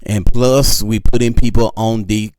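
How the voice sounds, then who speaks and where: A man's voice: on the low side, steady tone, a little slow, darkish tone. A man hosting a sports podcast, talking playfully to the fans and explaining rules plainly, step by step. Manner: playful hype talk addressing fans directly. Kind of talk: casual sports podcast commentary.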